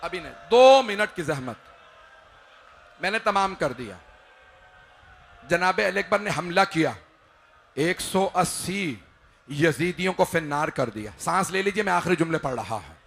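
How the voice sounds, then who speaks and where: A man giving an impassioned Muharram majlis recitation, crying out the story and dropping into low, quiet asides. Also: gravelly. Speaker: majlis orator.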